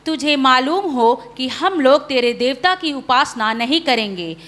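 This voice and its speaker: A woman reading scripture aloud in a steady, measured way during a church service. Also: sits high. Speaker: scripture reader.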